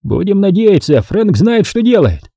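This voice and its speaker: A man's voice: fairly high pitch, very animated, moderate pace, creaky, mellow, slightly rough, no room sound, clean studio sound, pitched above the performer's own voice, exaggerated voice. Man voicing a jittery nervous gunman. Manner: anxious, jittery. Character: jumpy nervous male gunman, twitchy.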